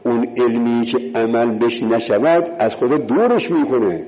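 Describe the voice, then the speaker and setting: A man giving a religious sermon, emphatic, repeating key words and listing points one by one. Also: mid-range voice. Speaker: preacher. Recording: dull lo-fi recording with long hall reverb.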